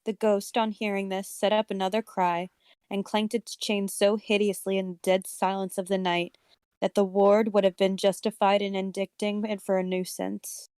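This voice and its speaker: A woman reading a story aloud as narrator on a casual podcast, with steady storybook delivery. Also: medium pitch, normal speed, clear, resonant tone, no echo, studio quality.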